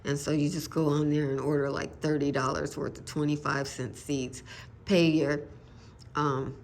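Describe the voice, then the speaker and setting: A woman's voice: low voice, little pitch movement, normal speed, gravelly, darkish tone, slight background noise. An older woman chatting casually about her garden seeds in a folksy way, with religious asides. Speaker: gardening vlogger. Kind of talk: casual chat.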